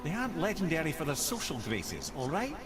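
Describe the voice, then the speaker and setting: A man's voice: on the high side, huge pitch swings, brisk, a little hiss or hum. An actor with a Scottish accent playing a wry, genial talking head who boasts of his cleverness in a video game. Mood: curious, wry. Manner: wry, teasing, theatrical. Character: talking severed head, self-proclaimed smartest man, wry and genial. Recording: loud game music behind.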